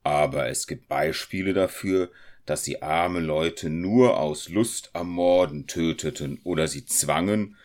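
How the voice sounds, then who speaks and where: A man voicing a calm, steady carter in a storybook reading, speaking slowly and reassuringly. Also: sits low. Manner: slow, reassuring.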